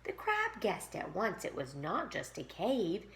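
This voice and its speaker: A woman teacher reading a rhyming picture book aloud to young children in an expressive, sing-song way. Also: medium pitch, measured pace, creaky. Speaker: pre-K teacher.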